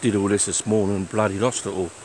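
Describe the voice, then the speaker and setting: A plain-spoken man with a lowish voice talks unhurriedly while walking by a lake. He is recorded outdoors on a handheld phone camera, with faint outdoor noise behind him. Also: steady tone, fast talker, a little mellow, rough recording. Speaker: angler filming his fishing trip. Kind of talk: casual walk-and-talk vlog.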